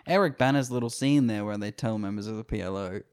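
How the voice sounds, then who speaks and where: Low-voiced male podcast co-host. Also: quick pace, smooth. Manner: laughs easily, chatty and riffing. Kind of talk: casual film review chat.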